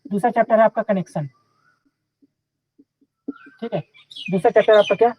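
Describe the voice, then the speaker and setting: A man's voice: high voice, steady tone, normal speed, darkish tone, slight background noise, rough recording. A young man teaching a live online class in a casual, chatty way, often checking in with his students.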